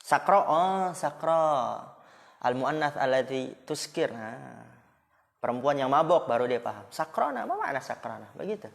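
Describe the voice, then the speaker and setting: A man's voice: medium pitch, big pitch swings, moderate pace, vocal fry. A man teaching Arabic grammar to students in a casual way, with rhetorical questions and jokes. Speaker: Islamic school teacher. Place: Islamic boarding school classroom. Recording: long hall reverb.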